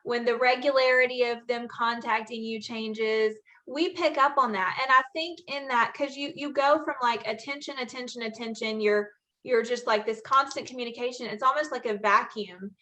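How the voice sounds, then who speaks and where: A woman leads a relaxed panel discussion over a video call. Her voice is bright and fairly high, and her talk is earnest and loose. She leans on fillers and restarts. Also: normal speed, hardly any pauses. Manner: earnest, chatty, full of fillers. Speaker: author hosting a book talk. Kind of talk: casual panel chat.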